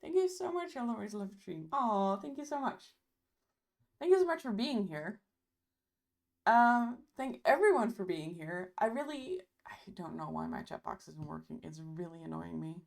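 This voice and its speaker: A woman's voice: medium pitch, big pitch swings, normal speed, gravelly, a little mellow. A young woman hosting a live stream, chatting casually and thanking her viewers while losing her voice. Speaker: livestream host.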